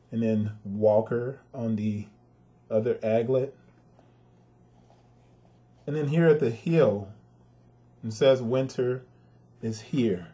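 A man's voice: medium pitch, mellow. A man who is a father gives a casual, emphatic sneaker review, talking straight to his viewers and venting his frustration. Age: adult with a son.

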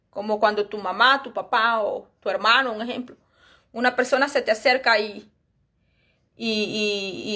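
A woman's voice: on the high side, pushed and bright. A woman giving a spoken religious testimony as a lay preacher. She talks earnestly and repeats herself, often calling out to her listeners as brethren. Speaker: lay preacher sharing a revelation.

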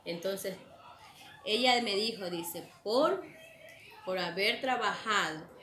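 A woman's voice: medium pitch, sharp tone, echoey room, slight background noise. A woman teaching a spelling lesson to children, patiently asking questions and answering them herself, stretching out words as she says them. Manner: drawn-out, emphatic pronunciation of words.

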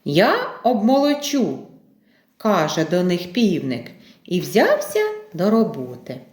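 Expressive teacher reading a fairy tale. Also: female voice, lowish voice, a little slow. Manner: gentle, expressive storyteller voice. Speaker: kindergarten teacher. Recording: echoey room.

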